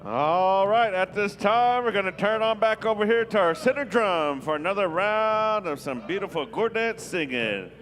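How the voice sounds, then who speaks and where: A man's voice: high-pitched, lively intonation, moderate pace, few pauses, fairly bright tone. A man working as a powwow emcee, making announcements in a folksy, joking, informal way.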